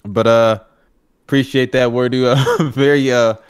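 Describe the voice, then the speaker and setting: A man's voice: medium pitch, fairly even intonation, measured pace, smooth, no echo, clean studio sound. A young man hosting a casual sports chat in a slangy, joking way. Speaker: podcast host.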